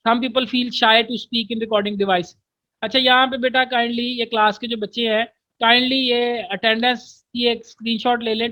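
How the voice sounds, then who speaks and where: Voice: medium pitch, sharp tone, dry recording. Patient teacher. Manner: reads English lines slowly, then explains them in everyday Urdu; patient, checks understanding often. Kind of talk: online class lecture.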